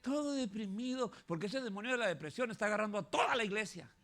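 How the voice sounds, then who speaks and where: Pastor preaching loud, gravelly high voice, lots of laughing. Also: male voice, quick pace. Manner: animated, laughing, shouting at peaks. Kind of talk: sermon.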